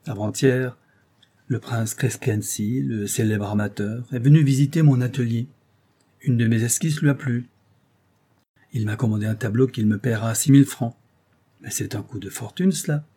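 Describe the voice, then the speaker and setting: A man's voice: mid-range voice, moderate pace, warm tone, husky. A man reading an audiobook, voicing a passionate, anxious young painter who speaks impassioned and anguished. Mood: explaining.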